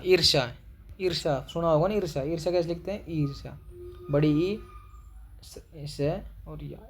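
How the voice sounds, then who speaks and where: A young man teaching a Hindi spelling lesson for exam students, spelling each word syllable by syllable and repeating a quick "okay" after every answer. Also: on the high side. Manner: spells words syllable by syllable, repeats "ठीक है", calls students "भाई".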